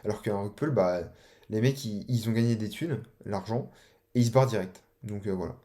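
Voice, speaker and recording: A young online course instructor gives a casual explanatory tutorial, speaking loosely with slang and plenty of fillers. His voice is fairly low and dark-toned, at normal speed.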